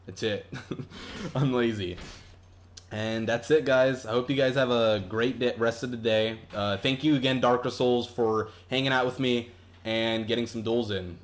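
Rambling young man doing game commentary. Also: mid-range voice. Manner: rambling, profane, with frequent restarts. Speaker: gaming YouTuber. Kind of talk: casual gameplay commentary.

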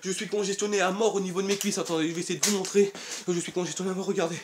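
Energetic and encouraging, a young adult fitness YouTuber works through a home leg routine in his bedroom, counting reps and pushing viewers between breaths. His voice sits high and comes very fast, sounding distant and echoey over a noisy background from the camera mic across the room.

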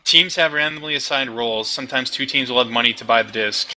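A man on a group voice chat, reading out game rules and walking his friends through the controls. His voice is very bright and forward, and his tone is casual and patient. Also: medium pitch, fast talker, slight background noise, low-quality recording. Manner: instructive, explaining controls step by step. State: talking over group voice chat.

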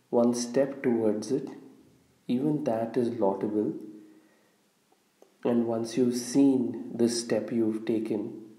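Speaking slowly and deliberately at a medium pitch, a man with a very soft, dark voice guides a visualization meditation, leaving long pauses between phrases. The narration is instructional, and the room sounds roomy with a noticeable echo.

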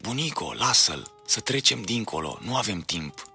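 Storybook boy, young and scared, urgent and pleading, high and husky, done by a man narrator. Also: very animated, pushed and bright, soft background music, heavily acted. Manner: pleading, hurried.

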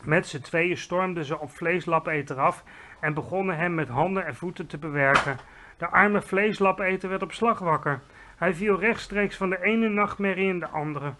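Expressive storybook-reading man. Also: high-pitched, normal speed, slight background noise. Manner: lively, expressive narration. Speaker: narrator reading a children's book aloud. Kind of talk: storybook read-aloud.

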